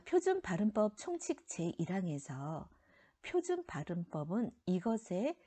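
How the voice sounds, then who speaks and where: In a recorded classroom lecture, a woman teaches middle school grammar, explaining rules step by step and letting some phrases trail off into a near whisper. Her voice is lowish, dark in tone, and slightly rough.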